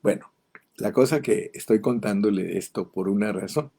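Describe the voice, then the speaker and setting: Older Guatemalan man preaching, mellow low voice. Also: moderate pace, breathy edge. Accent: Guatemalan Spanish. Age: 70s. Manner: folksy storytelling, rising to impassioned appeals. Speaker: pastor. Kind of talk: sermon.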